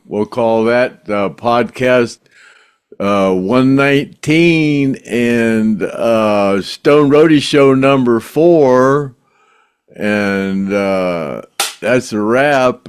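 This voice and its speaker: An older man speaks very slowly in a low, smooth, resonant voice, drawling and hesitating with fillers as he signs off the show. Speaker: podcast host. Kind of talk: casual chat and sign-off.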